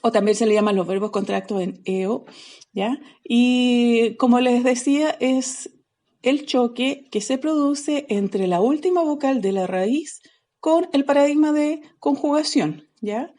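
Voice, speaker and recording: Mellow-voiced woman teaching a lesson. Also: on the high side, measured pace. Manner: explanatory, checks in with a frequent "¿ya?". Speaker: Greek teacher. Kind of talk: recorded video lesson.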